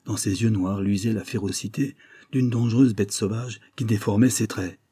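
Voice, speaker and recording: Warm, husky male audiobook narrator. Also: fairly low pitch, fairly even intonation, normal speed. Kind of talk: scripted first-person narration.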